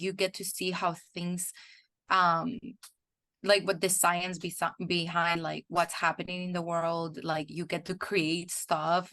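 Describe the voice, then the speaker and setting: A woman's voice: lowish voice, pushed and bright, dry recording. A woman in her twenties from El Salvador, answering interview questions on a video call in a chatty way, with many "like" fillers. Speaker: guest speaker, PhD student. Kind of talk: webinar interview.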